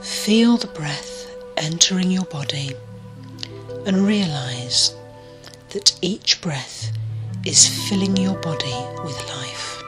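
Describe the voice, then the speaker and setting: Slow, soothing woman guiding a meditation. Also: on the low side. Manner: soft, soothing, often breathy and whispered. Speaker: meditation guide. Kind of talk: guided meditation. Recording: clear music bed behind the voice.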